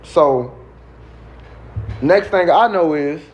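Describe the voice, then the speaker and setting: A man's voice: fairly high pitch, extremely slow. A man telling a personal story in casual talk, acting out the voices of the people in it. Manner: animated, acts out voices and siren sounds. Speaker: guest storyteller. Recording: slightly dull with faint noise.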